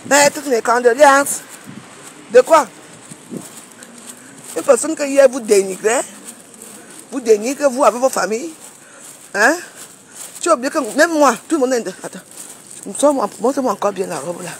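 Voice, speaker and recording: A woman's voice: a little high, expressive, normal speed, pauses often, slight background noise. A woman in a casual vlog, scolding a rival with pointed rhetorical questions as she walks outdoors at a market. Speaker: social media commentator.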